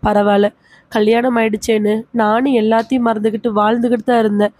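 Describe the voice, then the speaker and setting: A woman's voice: a little high, little pitch movement, darkish tone, dry recording, natural voice. A woman voicing a bitter young village wife, accusing her in-laws in a storybook reading. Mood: resentful. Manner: accusing, reproachful, rapid questioning. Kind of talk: audiobook character reading.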